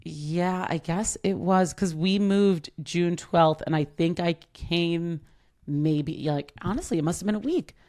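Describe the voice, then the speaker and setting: A woman co-hosting a casual chat podcast, agreeable and quick to chime in. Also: lowish voice, dark tone. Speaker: podcast co-host.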